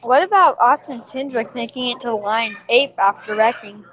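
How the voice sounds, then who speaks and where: A woman joining an online show by phone from a fast-food restaurant, chatting offhandedly while eating. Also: a little high. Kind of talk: casual call chat. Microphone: phone on a voice call. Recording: dull lo-fi call audio.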